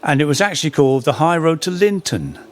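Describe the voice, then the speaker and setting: A man's voice: on the high side, big pitch swings, fast. A man giving a storytelling talk about folk song history, anecdotal and full of wry humorous asides.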